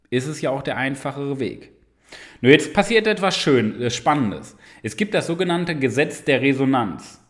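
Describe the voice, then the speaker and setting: Male self-help coach, direct-address monologue, emphatic, animated intonation. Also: fairly high pitch. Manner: emphatic, addresses listener directly, frequent rhetorical "ja?". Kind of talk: motivational monologue.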